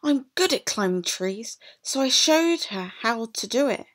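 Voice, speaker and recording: A woman reading a picture book aloud to children as a teacher, in an animated, deliberate way. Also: a little high. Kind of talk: expressive storybook read-aloud for children.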